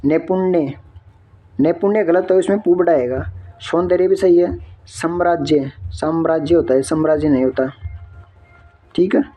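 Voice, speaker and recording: Husky-voiced man tutoring exam answers. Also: on the high side, normal speed, long pauses, dark tone. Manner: explains step by step, often checking in with "ठीक है". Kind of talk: answer key walkthrough.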